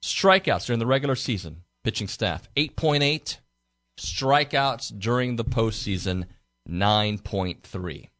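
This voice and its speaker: A man's voice: medium pitch, expressive, measured pace, fairly bright tone, no echo. A man hosting a casual sports talk radio show from a studio, reading stats and sponsor spots in a playful way. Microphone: studio mic.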